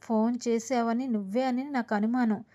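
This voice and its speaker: A woman's voice: fairly high pitch, fairly even intonation, normal speed, warm tone, dull audio, close to an everyday voice. A woman voicing an angry middle-aged father who scolds his daughter harshly. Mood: angry scolding. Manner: scolding, accusing. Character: furious drunkard's-family father, middle-aged man.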